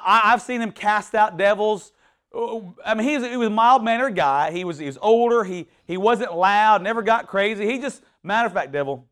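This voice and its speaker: Guy preaching, pretty high voice, chatty and animated, keeps restarting sentences, throws in fake shouts. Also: smooth. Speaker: pastor. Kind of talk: sermon.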